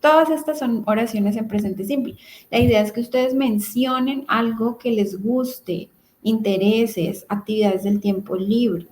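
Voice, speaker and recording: A woman in her thirties with a slightly high voice teaches an online English class. She explains each word patiently and alternates with English terms. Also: measured pace, a little mellow. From Colombia. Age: 30s. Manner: patient, explanatory, switching between Spanish and English words.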